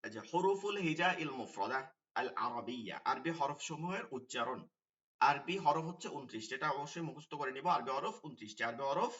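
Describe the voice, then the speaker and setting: A man teaching an online Quran pronunciation class, spelling out Arabic letters slowly and drawing out each sound. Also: fairly high pitch, a bit bright, far from the mic, highs cut off.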